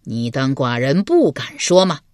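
A woman narrator voicing a suspicious, jealous middle-aged male lord in a historical novel reading, cold, sneering and deliberate. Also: extremely low pitch, big pitch swings, no room sound, clean studio sound, pitched below the performer's own voice, heavily acted.

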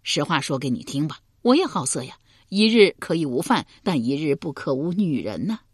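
A woman's voice: low-pitched, very animated, normal speed, husky, no room sound, studio quality, full character voice. Woman voicing a frank, worldly chancellor. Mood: earnest. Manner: earnest, candid. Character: confident older male chancellor, frank and worldly.

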